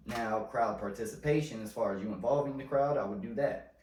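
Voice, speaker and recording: A podcast host rambles through a loose, casual chat full of slang and filler, often trailing off and starting over. His medium-pitched voice is brisk and darkish, recorded with a distant mic in a roomy space with faint noise.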